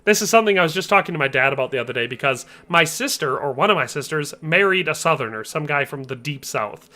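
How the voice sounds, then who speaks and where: A young man from the Upper Midwest chats casually on a game livestream and reads viewer messages aloud. He laughs easily as he goes. His voice sits a bit high and rings bright. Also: expressive, fast talker. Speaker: game streamer.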